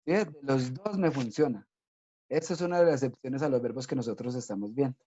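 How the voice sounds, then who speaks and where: A man gives a recorded English lesson to children, patient and methodical, checking often that they follow. His voice is mellow and dark. The recording sounds dull and lo-fi. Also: mid-range voice, brisk. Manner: patient, explains step by step, checks in with "¿listo?". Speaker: English teacher. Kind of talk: recorded online class for children.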